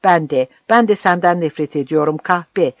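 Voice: medium pitch, expressive, normal speed, no echo, natural voice. A reader voicing a brutal, bearded male guerrilla captain who roars with harsh contempt, on a dry, slightly dull recording. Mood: roaring.

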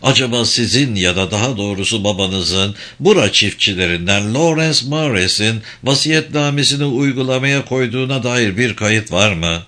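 A man's voice: lowish voice, lively intonation, normal speed, few pauses, bright, forceful tone. A man reading the lines of a polite Englishman from London who asks probing questions. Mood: inquiring.

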